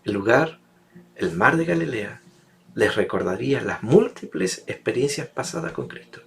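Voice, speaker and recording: Gravelly-voiced male preacher. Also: lowish voice, very animated, normal speed. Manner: emphatic, builds repetitive rhetorical lists. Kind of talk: sermon.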